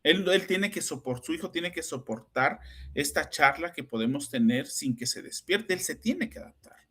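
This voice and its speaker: A man's voice: a little high, animated, normal speed, fairly bright tone, husky. A middle-aged Mexican man, a psychoanalyst hosting a podcast, telling anecdotes in a chatty way and often ending with tag questions. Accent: Mexican Spanish. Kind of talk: conversational storytelling.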